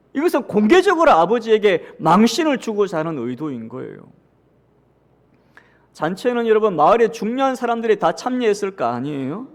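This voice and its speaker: A male pastor with a Gyeongsang accent giving a sermon. He talks straight to the congregation, reads scripture aloud with them, and swings between loud, emphatic lines and hushed asides. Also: sits high. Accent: Gyeongsang Korean.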